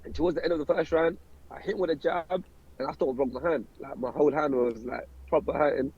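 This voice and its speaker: Fast-talking young boxer. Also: male voice, on the high side, darkish tone, slightly rough, dull audio. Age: 20s. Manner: fast, rambling, repeats words when starting sentences. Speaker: professional boxer, interview guest. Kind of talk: casual interview chat.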